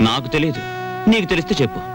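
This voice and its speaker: An actor playing an excitable young man who teases and dodges with playful replies. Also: a little high, racing, music in the background. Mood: teasing. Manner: excitable, teasing, playful dodging. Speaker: young hero. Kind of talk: Telugu film melodrama.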